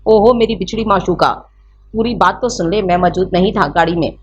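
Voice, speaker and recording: A woman's voice: mid-range voice, a little fast, husky, close to an everyday voice. A woman reading the part of a cocky, playful young man who teases and boasts, in an audio novel. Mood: teasing. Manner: teasing, boastful. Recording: slightly muffled with faint hiss.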